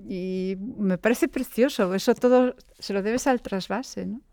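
Gravelly-voiced woman in reflective interview. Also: mid-range voice, a little slow, darkish tone, no room sound, studio quality. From Galicia, Spain. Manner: thoughtful, digressive, frequent tag questions. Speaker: poet, interview guest.

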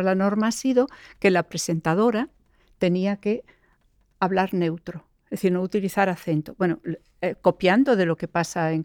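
A middle-aged woman from Galicia, a poet, speaking reflectively in an interview and pausing often with fillers and restarts. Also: lowish voice, darkish tone, dry recording, studio quality. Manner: thoughtful, pauses with fillers and restarts.

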